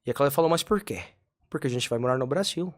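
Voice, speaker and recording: A native Spanish speaker from Colombia appears as a podcast guest, speaking Portuguese with a Colombian accent. He tells stories in a casual interview, earnest and measured, occasionally searching for words. His voice is medium-pitched and expressive.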